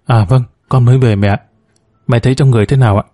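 A man's voice: medium pitch, fairly even intonation, fast, dark tone, no echo, studio quality, close to an everyday voice. A man reading the lines of a respectful, earnest young husband and son-in-law.

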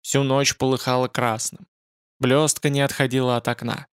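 A man narrating a fantasy audiobook in a measured, dramatic way. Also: medium pitch, flat delivery, clear, resonant tone, dry recording, studio quality.

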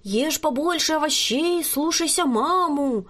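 A woman voicing a young girl who pretends to be a solemn fortune teller, speaking slowly and mysteriously. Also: sits high, animated, fairly bright tone, voice pushed up. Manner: slow, drawn-out, mysterious.

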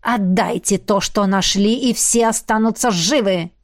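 A woman voicing a snarling undead male ghoul who growls slow threats. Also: medium pitch, fairly even intonation, no room sound, clean studio sound, natural voice. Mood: menacing.

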